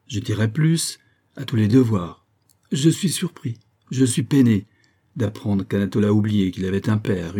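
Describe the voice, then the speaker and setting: A man's voice: fairly low pitch, dark tone, natural voice. A man reading the part of a talkative, pompous older man in an audiobook, with emphatic, declamatory lines.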